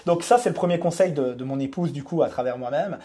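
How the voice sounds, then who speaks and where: A man's voice: fairly high pitch, mellow. A man in his thirties from Belgium, a coach talking candidly as a guest in a casual interview. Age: 30s. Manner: candid, confiding, fast.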